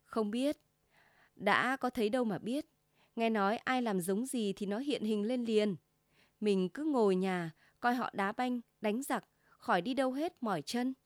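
A woman's voice: on the high side, unhurried, no echo, clean studio sound, lightly acted. Woman doing a quarrelsome wife. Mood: chatty. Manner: sharp, scolding. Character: plump middle-aged wife, quarrelsome know-it-all.

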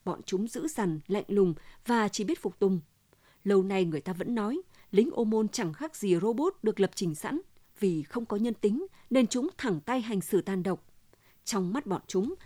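A woman reading a story aloud in a steady, measured way. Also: mid-range voice, no echo. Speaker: audiobook reader. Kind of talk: storytelling narration.

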